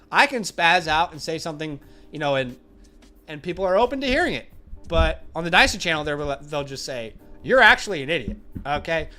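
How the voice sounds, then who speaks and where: A man with a slightly high, worn voice talks his way loosely through a livestream and gets animated when viewers push him. He sounds like he is losing his voice, and soft music plays behind him. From Australia. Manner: rambling, animated, easily exasperated with viewers. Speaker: fantasy football host answering live chat questions. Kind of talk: casual livestream chat.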